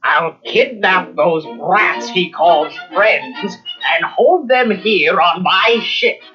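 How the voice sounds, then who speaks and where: A man playing a villainous, scheming pirate captain for a children's storybook, with theatrical, drawn-out menace. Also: sits high, expressive. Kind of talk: children's storybook read-along acting. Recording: muffled cassette with music behind.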